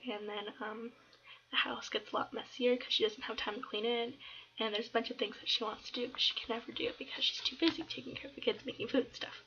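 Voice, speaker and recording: A woman with a high voice reads a children's picture book aloud at home. She keeps breaking off for casual, giggly comments, often in a whisper. The webcam recording is muffled and carries a faint hiss. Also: pushed and bright. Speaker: storyteller reading to a child. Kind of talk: reading a picture book aloud with chatty asides. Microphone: webcam at a desk.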